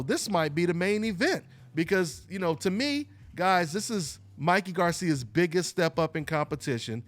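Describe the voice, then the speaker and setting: A man hosting a call-in boxing show, talking loosely and rambling with many "you know, man" fillers. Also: a little high. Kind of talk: casual call-in radio talk.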